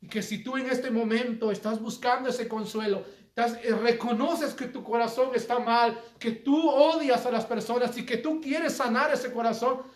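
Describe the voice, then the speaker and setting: A man's voice: extremely high pitch, moderate pace, hardly any pauses, roomy sound. A man preaching a sermon, speaking earnestly and appealing directly to his listeners. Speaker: pastor.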